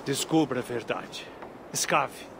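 A proud Viking warlord from a video game, mid-pitched and slurring like the town drunk. He speaks with brooding suspicion over clearly audible background noise. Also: lively intonation, slow pace. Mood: drunken suspicion. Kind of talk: dramatic video game dialogue.

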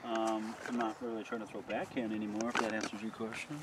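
Laid-back low-voiced man outdoors. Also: little pitch movement, brisk, crowd noise. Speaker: disc golf friend. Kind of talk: casual chat. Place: outdoor disc golf course. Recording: outdoor camera audio with clear background noise.

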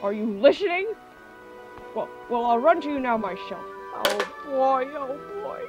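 An actor voicing a flustered, panicky neighbour who stammers and exclaims. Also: female voice, high-pitched, lively intonation, measured pace, dull audio, music in the background.

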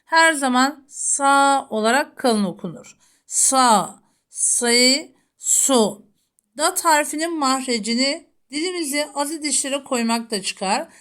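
Female teacher, high voice, unhurried syllable drills for a recitation class. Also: a bit bright. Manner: slow, careful drilling of syllables. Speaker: Quran reading teacher. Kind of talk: step-by-step recitation lesson.

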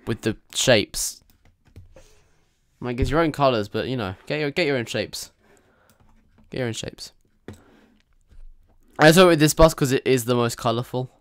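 A man's voice: medium pitch, clean tone, dry recording. A man streaming a driving game, reviewing players' driving with playful, teasing banter. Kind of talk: live game commentary.

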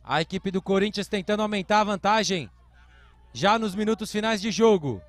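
This is a man with a high-pitched voice, speaking at a normal speed. He's a Brazilian sports commentator calling live American football play-by-play and explaining the calls in short announcer phrases.

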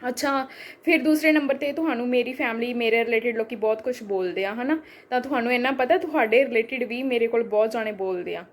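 A young woman with a Punjabi accent, a vlogger firing back at a critic with repeated rhetorical questions. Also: on the high side. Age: young adult. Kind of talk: reply video rant.

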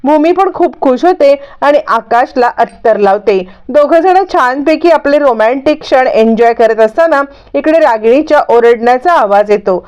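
High-voiced woman recapping a serial. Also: a little mellow. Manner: storytelling, repetitive linking phrases. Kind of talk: scripted recap narration. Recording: dull lo-fi recording.

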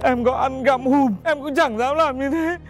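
An actor playing a tactless, nosy village neighbor who laments dramatically and explains things like a know-it-all. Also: male voice, very high-pitched, moderate pace. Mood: chatty.

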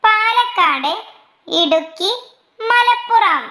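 A woman reading out quiz questions, their options and the answers in a slow, measured way, dropping her pitch for each list of options. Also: expressive, pushed and bright, reverberant. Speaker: quiz reader.

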